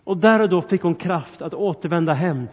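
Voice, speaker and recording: Higher-voiced man preaching in a reverberant hall. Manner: earnest, addresses the congregation directly with questions and appeals. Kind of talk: sermon. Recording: long reverb, dull sound.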